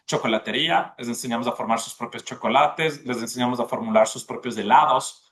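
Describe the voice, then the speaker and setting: In a podcast interview, a gastronomy school dean from Ecuador explains at length in a medium-pitched, fairly quick, slightly bright voice. His manner is explanatory, and he keeps checking in with the listener, often with the tag "¿no es cierto?".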